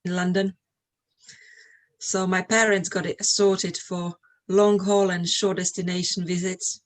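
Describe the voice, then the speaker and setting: On a rough recording, a middle-aged woman from Slovakia talks about her past in English, her Slovak accent evident. Her voice is lowish with little pitch movement and a measured pace. It's a casual interview, and she hails from Eastern Europe.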